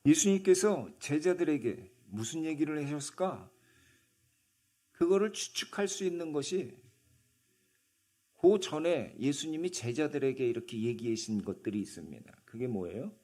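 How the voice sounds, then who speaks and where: A man's voice: a little high, expressive, moderate pace, mellow. A male pastor preaching a sermon in a church, in a conversational way, often asking the congregation questions.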